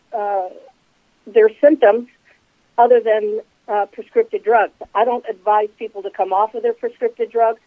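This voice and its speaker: A woman in her sixties, a commercial realtor and business co-founder, talking in an interview in a measured, unhurried way with many fillers. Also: a little high, dry recording. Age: 60s. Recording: tinny phone line, dry.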